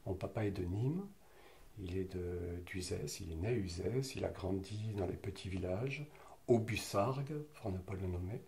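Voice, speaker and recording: A man in his fifties from French Catalonia, telling stories about his youth in a lively way, with frequent hesitations and laughter. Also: sits low, normal speed, gravelly, a little hiss or hum. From French Catalonia, southern France. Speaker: interviewee. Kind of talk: personal reminiscing in conversation.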